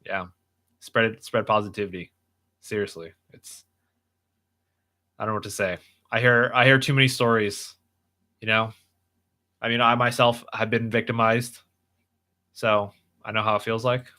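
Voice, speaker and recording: A young man hosts a casual livestream, talking earnestly in a bright, forward tone. He rambles and restarts often, filling his talk with fillers as he goes. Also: lowish voice, steady tone, normal speed, long pauses. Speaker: livestream host.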